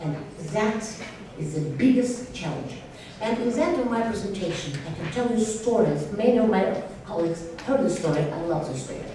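A woman's voice: mid-range voice, lively intonation, normal speed, dark tone, slight background noise. A woman giving a conference presentation and telling a story, sometimes searching for words. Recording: echoey hall, speaker far from mic.

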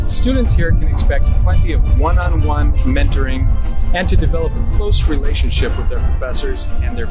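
Upbeat man narrating over loud music. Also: a little high. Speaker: music professor. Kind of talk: scripted promo narration.

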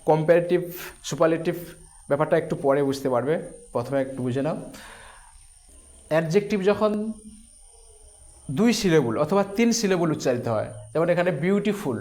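A man teaching an English grammar lesson, speaking slowly and deliberately, repeating terms and splitting words into syllables. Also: on the high side, a little mellow. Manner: asks questions then answers them himself.

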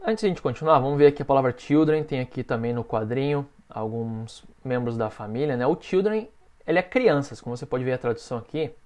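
A man with a Brazilian Portuguese accent teaching a beginners' English lesson, patiently drilling phrases and saying each model sentence slowly. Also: medium pitch, animated, a little mellow.

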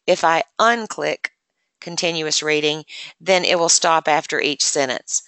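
A woman presenting a software demonstration lesson, explaining step by step in a chatty way with many fillers, close to the mic. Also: sits low, steady tone, unhurried, no echo. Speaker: assistive technology presenter.

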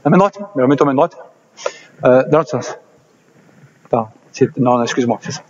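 A man coaching basketball players on court, directing drills with quick commands and encouragement. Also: mid-range voice, a little mellow. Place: indoor basketball gym. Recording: slightly dull lo-fi sound with faint noise.

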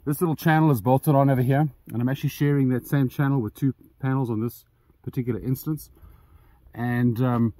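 A man's voice: medium pitch, steady tone, brisk, dark tone, no room sound. A man walking through his homemade solar panel mount outdoors, rambling with many ums and restarts, a bit out of breath. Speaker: DIY solar channel host. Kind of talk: casual walkthrough vlog.

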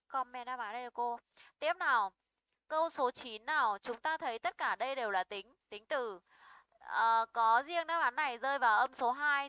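A young woman teaches English stress rules, her voice bright and crisp. She is patient and keeps checking that her students follow. The sound is dry and close, with no room echo. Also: on the high side. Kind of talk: online English pronunciation lesson.

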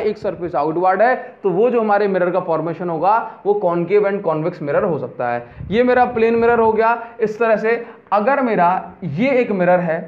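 A man's voice: sits high, dull audio. A man teaching a physics lesson in a lecture style, repeating key terms and checking that students follow. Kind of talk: classroom lecture.

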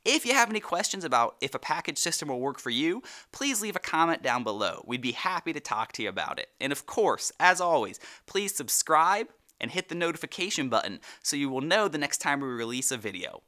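A friendly young man presents a scripted explainer, talking with his hands. His voice is bright and forward, and the pitch rises and falls a lot. He speaks from a studio set. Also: big pitch swings, brisk, hardly any pauses. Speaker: company video host.

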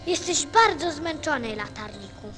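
A woman's voice: sits high, lively intonation, moderate pace, sharp tone, faint music behind. A woman playing an earnest, inquisitive little boy in a radio play, with a childlike manner. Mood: curious. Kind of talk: Polish radio play acting.

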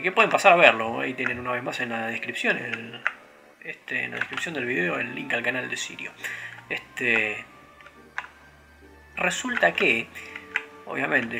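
Gravelly-voiced Rioplatense man rambling. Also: mid-range voice. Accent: Rioplatense Spanish. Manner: rambling, digressive storytelling with frequent fillers. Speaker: let's play host. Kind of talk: casual gameplay commentary. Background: video game music.

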